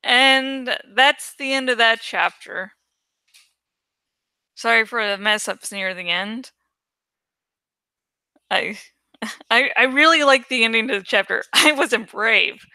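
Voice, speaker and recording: A woman with a bright, clear, rather high voice reads stories aloud as an amateur audiobook reader and channel host. She narrates expressively but slowly, pausing often, adding casual asides and correcting herself informally, with no echo.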